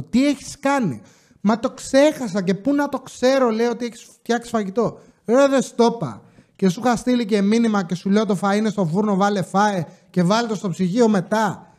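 A man hosting a podcast, telling a funny personal story in a casual, animated way and acting out the dialogue. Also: high voice. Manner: animated, acts out quoted dialogue. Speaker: podcast host.

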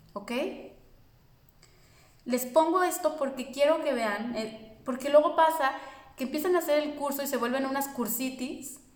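A woman's voice: a little high, echoey room. A woman, teaching a spiritual course in an earnest, reassuring way, speaking directly to her listeners.

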